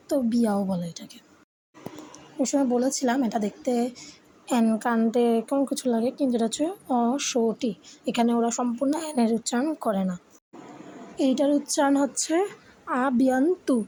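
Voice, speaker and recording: A young woman from Bangladesh teaching a beginner French lesson, slowly spelling out each word's pronunciation and guiding learners step by step. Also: high-pitched, dark tone, a little hiss or hum, low-quality recording. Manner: slow, careful pronunciation of each word; addresses learners informally, step by step.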